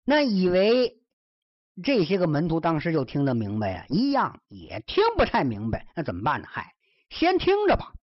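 A woman's voice: low voice, moderate pace, no room sound, lo-fi sound. A woman telling a story in traditional storyteller style, with chatty asides to the listener. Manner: lively, chatty asides to the listener with rhymed verse closings.

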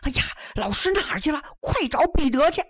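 A woman's voice: animated, moderate pace, no room sound, natural voice. A woman storyteller voicing an anxious, tearful young woman disciple who cries out urgently. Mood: frantic. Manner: urgent high exclamations. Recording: dull lo-fi recording.

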